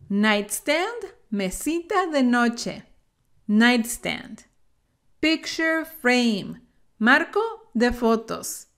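A woman teaching English vocabulary to Spanish speakers, saying each word slowly and carefully and then repeating it. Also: a little high, a bit bright. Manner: slow, careful word-by-word pronunciation drills. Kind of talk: bilingual vocabulary lesson.

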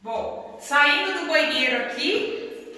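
Casual vlog host, woman, bright and high-pitched, heard with a booming echo in an empty house, well back from the camera. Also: animated, slow. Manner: chatty, guiding viewers room by room. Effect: strong echo bouncing off bare walls. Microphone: camera held by another person some distance away. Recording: booming echo, long reverb, distant from the mic, faint hiss.

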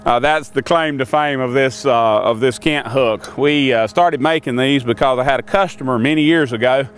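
A man's voice: mid-range voice, moderate pace, slight background noise. An older man casually demonstrating sawmill tools outdoors, talking in a folksy, rambling way with many fillers. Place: outdoors by a sawmill and in a wooded lot.

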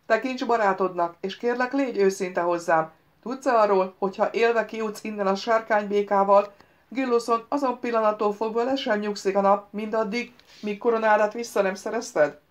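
A woman voicing an unseen, imperious male voice that questions and mocks a prince in a loud, commanding way. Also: medium pitch, fairly even intonation, pitched above the performer's own voice, natural voice.

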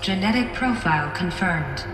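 A woman voicing a glitching female security computer that makes clipped, monotone announcements. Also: on the low side, normal speed. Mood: malfunctioning. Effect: glitching robotic machine voice. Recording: echoey game audio over loud music.

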